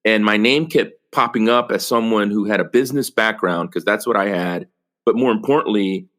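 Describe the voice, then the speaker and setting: A Salvadoran man, a company executive appearing as a podcast guest, speaks earnestly about his work in a casual interview. His voice is lowish and a bit bright, and he uses many fillers and restarts himself often.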